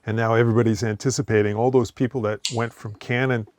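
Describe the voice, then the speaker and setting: Male co-host, casual chat, rambling, mid-pitched voice. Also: fast, slight background noise. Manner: animated, rambling with restarts. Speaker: podcast co-host.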